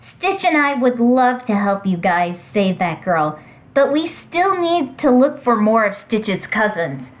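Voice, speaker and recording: A woman voicing a cheerful, grateful young girl in a raised, bright voice. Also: on the high side, big pitch swings, measured pace, poor audio. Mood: friendly.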